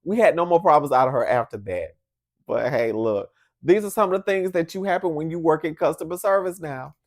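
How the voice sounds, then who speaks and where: A woman hosting a podcast, telling a workplace story in an animated, laughing, casual way. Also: low-pitched, brisk. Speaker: podcast host.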